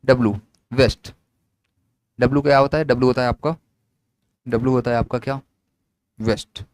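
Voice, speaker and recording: A man's voice: mid-range voice, steady tone, normal speed, a little mellow. Man drilling a lesson with repeated questions. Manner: repetitive question-and-answer drilling. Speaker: teacher. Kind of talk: classroom lesson explaining at a whiteboard.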